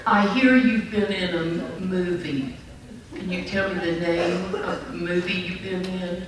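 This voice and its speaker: A woman's voice: lowish voice, steady tone, a little slow. A woman panelist on a game show parody, playfully putting questions to the contestants. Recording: echoey room, distant mic, crowd noise.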